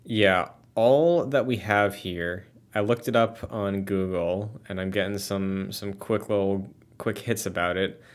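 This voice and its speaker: Low-voiced man chatting wryly. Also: unhurried, hardly any pauses. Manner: chatty and wry, often laughing. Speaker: podcast co-host. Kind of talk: casual chat.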